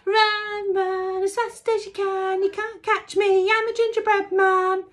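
A woman voicing a cheeky, boastful gingerbread man in a storybook reading, with a loud sing-song taunt. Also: extremely high pitch, little pitch movement, measured pace, pitched above the performer's own voice. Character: cheeky boastful gingerbread boy, runaway cookie.

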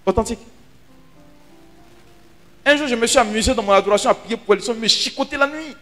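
Animated high-voiced priest preaching. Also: male voice, a little fast. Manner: animated storyteller, dramatic drops to hushed asides. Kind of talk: sermon teaching. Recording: hall reverb with faint music.

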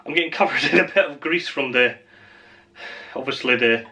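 A man's voice: mid-range voice, moderate pace, bright, forceful tone. A man hosting a casual unboxing vlog, rambling and chatty, often laughing at himself. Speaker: channel host.

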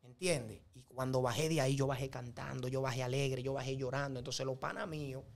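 A man's voice: medium pitch, fairly even intonation, fairly quick, creaky. Earnest Dominican man telling his testimony. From Dominican Republic. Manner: earnest, emphatic storytelling with preacher-like cadence. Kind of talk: personal faith testimony in an interview.

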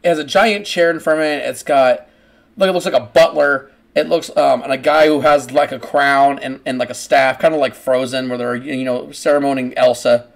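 A man's voice: medium pitch, steady tone, moderate pace, vocal fry. A man narrating a tabletop game as game master over an online call, rambling casually with frequent restarts. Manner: rambling, many restarts and fillers.

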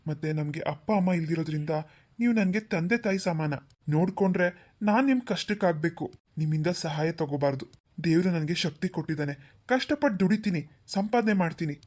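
An earnest young husband in a cartoon, politely pleading in a fairly low voice as a woman acts him. He sounds proud and determined to stand on his own. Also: fairly quick, a little mellow, lightly acted. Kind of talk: cartoon voice acting.

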